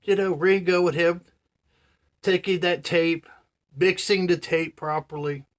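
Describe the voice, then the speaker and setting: A man's voice: high-pitched, steady tone, a little slow. A man in his forties talking in a casual, rambling monologue, full of "you know" and "man", with earnest, marvelling emphasis. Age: 40s. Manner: chatty, filler-heavy, says "man" and "you know" a lot. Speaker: vlogger.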